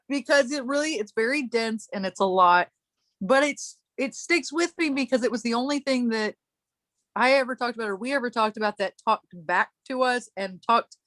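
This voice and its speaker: A woman's voice: a little high, normal speed, fairly bright tone, no echo. A woman hosting a casual chat, telling a long story in a rambling way, breaking off and laughing often. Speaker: podcast host.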